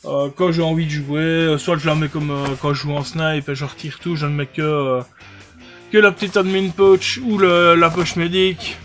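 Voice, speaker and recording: A man's voice: a little high, level tone, moderate pace, a bit bright, soft background music. Hesitant man reviewing gear. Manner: hesitant, many fillers and restarts. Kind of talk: casual product review.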